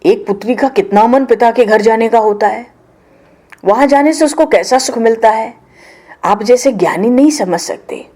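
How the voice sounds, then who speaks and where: A woman's voice: a little high, moderate pace, warm tone, lightly acted. A woman voicing a young goddess wife in a devotional retelling, raising her voice in insistent questions. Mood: pleading.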